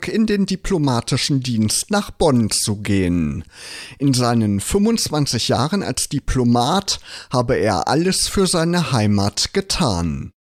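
A man narrating a news report in a measured reporting tone. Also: medium pitch. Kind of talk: scripted narration.

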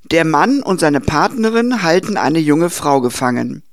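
A man narrating a film review in a brisk, summarizing way. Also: on the high side, very animated, gravelly, no room sound, clean studio sound. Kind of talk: scripted narration.

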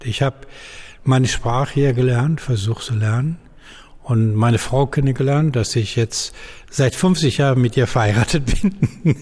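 Older Afghan man, earnest and halting. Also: mid-range voice, darkish tone. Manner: earnest, halting German with many fillers. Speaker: former diplomat, interviewee. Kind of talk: interview testimony. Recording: long hall reverb.

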